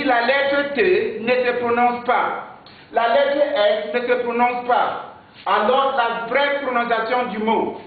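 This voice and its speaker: Male French teacher, very high voice, slow deliberate dictation, heavy echo from a distance. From Nigeria. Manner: slow, repeats words for dictation, stresses pronunciation. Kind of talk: classroom language lesson. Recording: echoey, distant, phone-like lo-fi sound.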